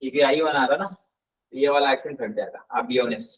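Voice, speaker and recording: A man teaching a live language class, patiently repeating words slowly and quizzing his students. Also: medium pitch. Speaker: Spanish tutor. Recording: voice somewhat distant from the mic.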